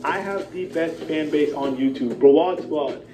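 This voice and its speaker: A man's voice: a little high, a little slow. A young man giving an earnest, emotional speech to his viewers, repeating himself as he thanks them. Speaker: YouTuber thanking his fans. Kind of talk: emotional vlog speech to camera. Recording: roomy, slightly muffled, with music behind.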